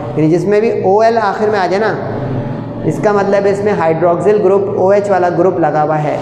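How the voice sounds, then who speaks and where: A man's voice: sits high, warm tone. A male chemistry teacher with a Pakistani Urdu accent, lecturing a class, explaining step by step and repeating key terms. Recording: roomy echo, long reverb, faint hum.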